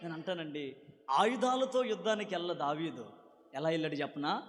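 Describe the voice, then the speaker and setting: A male preacher giving an animated sermon, urging the congregation to call answers back loudly. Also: on the high side, a little fast. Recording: long hall reverb.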